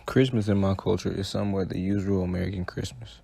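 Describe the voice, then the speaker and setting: A man reading a personal essay for a class project, slow and steady. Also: sits low, gravelly, music in the background. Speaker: student presenter.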